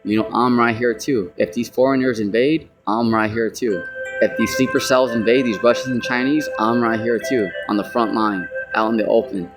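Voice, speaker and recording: A man's voice: mid-range voice, fairly even intonation, normal speed, over music. An American man teaching from the Bible in a casual, rambling way, often saying "you know". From United States. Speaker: street preacher.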